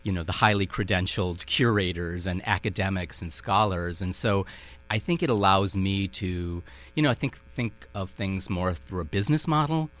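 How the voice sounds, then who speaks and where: On the radio, a museum director in middle age answers with many fillers and hedges, clearly thinking as he goes. He has a Minnesota accent and a low, fairly bright voice at moderate speed.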